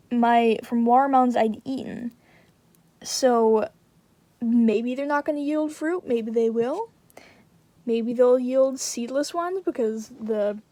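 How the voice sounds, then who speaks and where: A woman's voice: high-pitched, darkish tone. A woman vlogger chatting casually outdoors, rambling with many fillers and now and then dropping to a whisper. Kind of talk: casual vlog chat. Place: outdoors by a garden pond.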